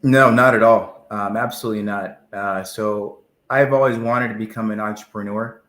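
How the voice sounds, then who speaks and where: A man in his twenties, originally from Zimbabwe, answering interview questions in a relaxed, friendly way with frequent fillers. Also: on the low side, moderate pace, reverberant. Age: 20s. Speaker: guest, financial planner.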